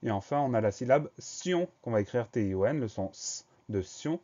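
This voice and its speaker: A man's voice: medium pitch, expressive, moderate pace, warm tone, muffled recording. A man teaching a spelling lesson, patiently spelling words letter by letter. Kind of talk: slow dictation lesson.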